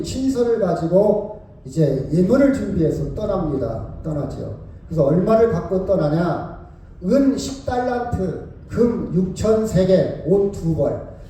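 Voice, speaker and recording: High-voiced male pastor in echoey church. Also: warm tone, distant mic, a little hiss or hum. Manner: storytelling, acting out quoted lines, asking the congregation. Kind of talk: sermon. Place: church hall.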